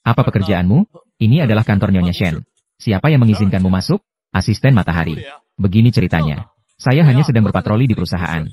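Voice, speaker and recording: A man reading out translated drama dialogue as a recap voice-over, with a stiff, even delivery for every part. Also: on the low side, quick pace, breathy edge, dry recording.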